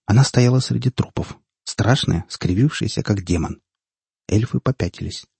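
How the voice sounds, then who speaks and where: A man reads fantasy narration in a measured, steady manner. His voice is low, gravelly and dark, and the recording is dry and close. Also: dry recording. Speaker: audiobook reader.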